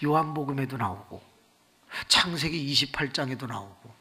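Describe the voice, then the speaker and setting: A middle-aged pastor preaches in a revival meeting with a bright, slightly breathy, high-pitched voice. He tells stories in an animated, comic way, and his voice sweeps up and down as he acts out each scene. The long reverb of a church sanctuary trails after his words. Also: moderate pace. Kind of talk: revival sermon storytelling.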